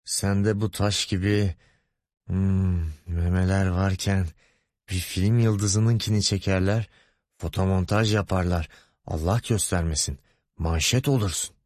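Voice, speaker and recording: A man's voice: low-pitched, fairly even intonation, a little slow, darkish tone, dry recording, studio quality. A man voicing a pompous, lecherous middle-aged male boss in an audiobook, wheedling and bossy by turns. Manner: wheedling, grumbling, commanding.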